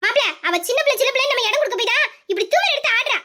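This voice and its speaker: A performer voicing an angry mother who scolds her small daughter, shrill and threatening. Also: very fast, pushed and bright. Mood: furious. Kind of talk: family drama acting.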